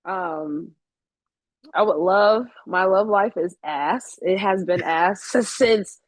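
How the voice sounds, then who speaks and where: This woman in her late twenties is a podcast guest in a casual interview chat, speaking slowly in a mid-range voice with no echo. She's candid and blunt, swearing often, with laughter slipping into her sentences.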